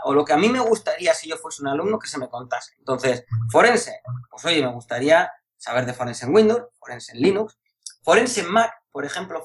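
A man's voice: a little high, fairly bright tone. A man, a course instructor chatting casually, rambling and interrupting himself with colloquial asides. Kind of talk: casual podcast chat.

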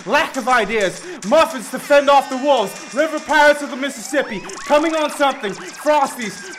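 A man's voice: very high voice, pushed and bright. A man announcing a podcast intro in a hyped, profane style, rattling off topics, his voice fuzzy and distorted. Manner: rattles off a long list of topics. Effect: fuzzy distorted audio.

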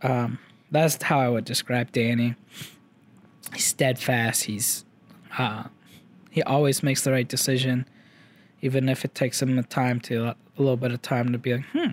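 A man's voice: medium pitch, flat delivery, moderate pace, long pauses. A young man with a slight Chinese-English accent giving a casual, rambling audio update, full of fillers and casual swearing. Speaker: vlogger.

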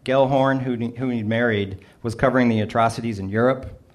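This middle-aged man's mid-range voice holds a steady tone and moves a little fast as he reads his own personal essay. It's humorous first-person storytelling, delivered dryly and with self-mockery.

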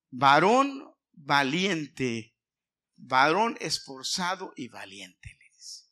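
High, bright-voiced preaching pastor. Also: male voice, vocal fry. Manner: preaching with rising emphasis, drops to quiet asides; asks the congregation questions, sings snatches of a hymn. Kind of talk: sermon.

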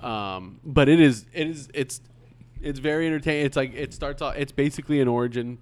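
A man's voice: mid-range voice, fairly quick. Rambling man hosting a podcast. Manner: rambling, many ums and restarts. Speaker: podcast host. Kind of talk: casual chat.

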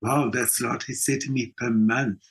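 Husky and mid-range, with fairly even intonation and a normal pace, the voice belongs to a middle-aged South African skills trainer. He's a guest on an interview, casually spinning stories and regularly checking that his listener keeps up.

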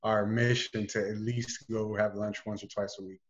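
A man being interviewed on a podcast, telling a family story in an easygoing, halting way. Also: on the low side, level tone, lo-fi sound. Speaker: podcast guest. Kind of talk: casual interview chat.

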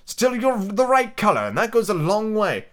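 Guy doing a snooty lady rose from a storybook, pitched up high, condescending and swoopy. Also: very animated, normal speed, a bit bright. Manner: condescending, matter-of-fact. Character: prim, critical female talking rose flower.

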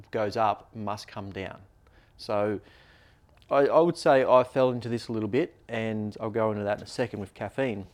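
A man co-hosting a podcast, explaining things in a loose, rambling, casual way. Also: on the low side. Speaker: podcast co-host.

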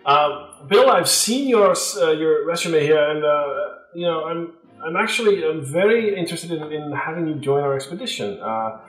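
A man voicing a jolly British expedition leader with a put-on British accent, hearty and halting. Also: fairly high pitch, lively intonation, echoey room, soft background music, pitched above the performer's own voice, natural voice, rough recording.

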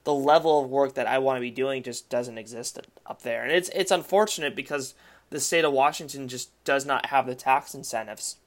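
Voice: medium pitch, a little fast. A film industry worker in a casual podcast chat, talking in a chatty way, with lots of "like" and restarts mid-sentence.

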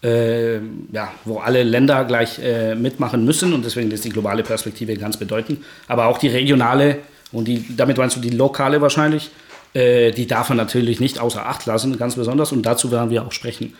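A man from Guatemala who is a guest researcher in a podcast interview, speaking at a measured pace with frequent hesitations. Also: medium pitch, steady tone.

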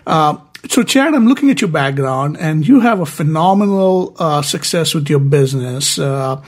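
Man, podcast host, enthusiastic, filler words, recaps guest, somewhat high voice. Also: animated, normal speed. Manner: enthusiastic, many fillers, summarizes guest's answers. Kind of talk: interview hosting.

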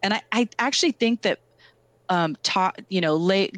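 A woman's voice: medium pitch, moderate pace, no echo. A woman musician chatting casually about being an artist, in an earnest, encouraging way. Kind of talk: casual conversation.

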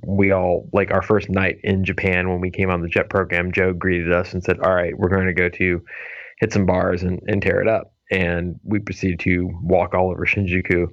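A man co-hosting a podcast in relaxed casual chat, full of fillers. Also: sits low, normal speed, dry recording, highs cut off. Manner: laid-back, filler-heavy. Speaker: podcast co-host.

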